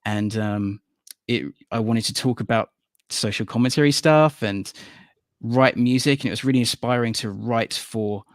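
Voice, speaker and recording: A man in his late thirties chats as a podcast guest. He talks at a middle pitch and rambles through his stories, laughing often. The recording is close and dry, with no room sound. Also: moderate pace, dry recording. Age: late 30s. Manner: rambling, laughs easily while telling stories. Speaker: podcast guest, animator and musician. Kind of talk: casual panel chat.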